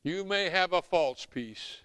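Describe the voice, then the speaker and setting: Bright, forceful Southern preacher man. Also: high voice, expressive, slow, clean tone, dry recording. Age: middle-aged or older. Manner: emphatic, folksy, swinging from hushed asides to shouts. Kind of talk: animated sermon with scripture reading.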